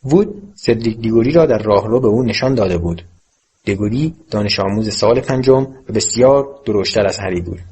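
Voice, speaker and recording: A man narrating an audiobook with a steady, measured reading. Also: on the low side, husky.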